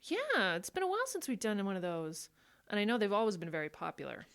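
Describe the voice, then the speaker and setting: A woman playing an animated, wry office employee. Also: mid-range voice, fast. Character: exasperated, sharp-witted female radio station employee. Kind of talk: comedic audio drama dialogue.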